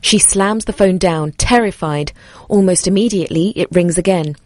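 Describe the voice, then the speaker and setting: A woman narrating a scripted horror story in a measured, suspenseful way. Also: fairly low pitch, darkish tone, no room sound.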